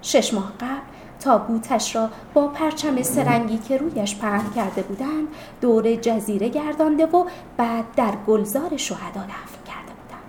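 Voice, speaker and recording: A woman's voice: on the high side, darkish tone, echoey room, a little hiss or hum. A woman narrating a story expressively and acting out the characters' voices. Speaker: story reader.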